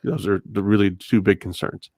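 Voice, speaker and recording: Dry, low-pitched man. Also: fairly even intonation, normal speed, darkish tone, dry recording. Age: middle-aged. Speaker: podcast guest. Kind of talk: casual interview storytelling. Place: home room with bookshelf, indoors. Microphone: desktop condenser mic with pop filter, close up.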